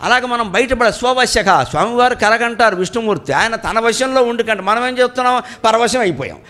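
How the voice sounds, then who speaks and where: A middle-aged man with a Telugu accent gives a spiritual discourse at a memorial event. He tells stories and asks rhetorical questions, and his voice swings between loud and quiet. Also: extremely high pitch, lively intonation, brisk. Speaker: spiritual speaker. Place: cultural hall at a memorial event.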